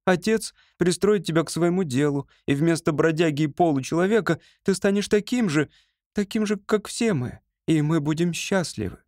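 A man's voice: on the high side, normal speed, a little mellow, no echo, studio quality, voice pushed up, lightly acted. A man voicing a young woman who pleads emotionally with her beloved in an audiobook reading. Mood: pleading.

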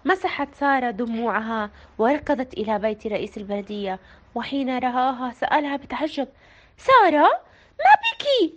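A woman reading a children's picture book aloud in an expressive, sing-song way. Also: fairly high pitch, a little fast, muffled recording. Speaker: storyteller.

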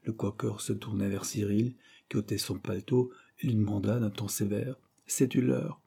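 A man narrating an audiobook in a steady, measured reading. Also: fairly low pitch, vocal fry, breathy edge. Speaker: audiobook reader.

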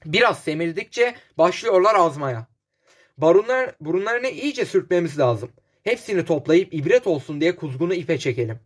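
A man's voice: fairly high pitch, expressive, moderate pace. A man voicing a stern, contemptuous mining engineer who leads a lynch mob. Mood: scornful. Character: harsh, scornful male mining engineer leading a mob.

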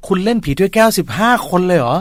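A man hosting a ghost-story radio show, firing quick interjections and eager follow-up questions at his guest. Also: high voice, expressive, dry recording, studio quality. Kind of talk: interviewing a caller.

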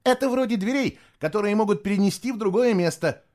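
A man's voice: high-pitched, fast talker, pitched above the performer's own voice, lightly acted. A man doing an eager, urgent young boy. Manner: urgent, pleading and shouting. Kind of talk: audiobook narration.

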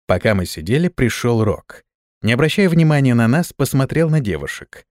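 A man narrating a fantasy audiobook in a lively storytelling manner. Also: medium pitch, no echo, studio quality.

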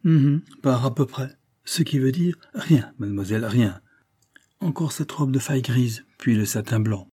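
A man's voice: mid-range voice, measured pace, dark tone, breathy edge, pitched above the performer's own voice. A man reading aloud voices a proud, worldly middle-aged woman dressmaker who speaks in a dry, knowing, confiding way.

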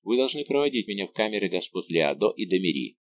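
A man's voice: low voice, big pitch swings, quick pace. A man reading an audiobook voices a proud minister who speaks with emphasis and passion. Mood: impassioned.

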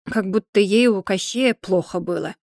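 A woman voicing an exasperated, sharp-tongued young wife who pleads and needles in turn. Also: mid-range voice, no room sound, clean studio sound, natural voice. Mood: sarcastic. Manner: pleading and sarcastic, drawn-out complaints.

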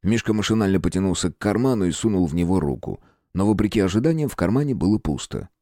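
A man narrating an audiobook story in a measured storytelling manner. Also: low-pitched, lively intonation, mellow, no echo, studio quality. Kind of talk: scripted narration.

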